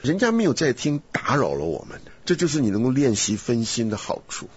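A man hosting a casual Bible study chat, animated and rambling with frequent laughs. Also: mid-range voice, fairly quick, husky. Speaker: host. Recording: dull lo-fi recording.

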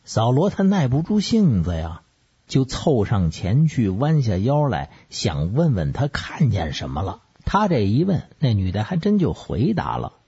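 A man's voice: medium pitch, wildly swooping pitch, unhurried, vocal fry, dark tone, slightly rough. A man telling a story in a vivid, dramatic storytelling style with asides to listeners. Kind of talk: Chinese storytelling narration. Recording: dull lo-fi recording.

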